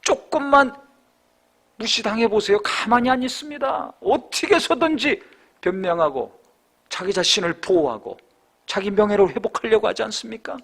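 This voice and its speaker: A male pastor preaching a sermon with rhetorical questions, swinging between raised exhortation and hushed reflection. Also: sits high, lively intonation, normal speed, creaky.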